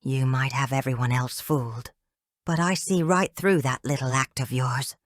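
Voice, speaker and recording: A woman voicing a large, angry, bearded man who shouts threats at his ex-wife's boss in an audiobook. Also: extremely low pitch, moderate pace, no room sound, studio quality, voice pushed down. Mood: menacing. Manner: shouting, menacing. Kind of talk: audiobook character voice.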